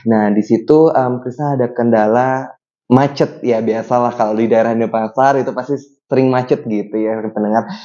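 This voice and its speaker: Young male host, mellow voice, chatty storytelling, lo-fi sound. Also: medium pitch, steady tone, normal speed. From Bali, Indonesia. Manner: chatty storytelling, many fillers. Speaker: podcast host. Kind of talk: casual chat. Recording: dull lo-fi podcast audio.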